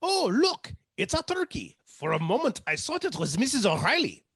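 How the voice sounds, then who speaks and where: A woman playing a droll, obliging male professor with a husky voice in a 1940s-style radio comedy. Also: on the high side, huge pitch swings, normal speed, a bit bright, no room sound, clean studio sound, full character voice.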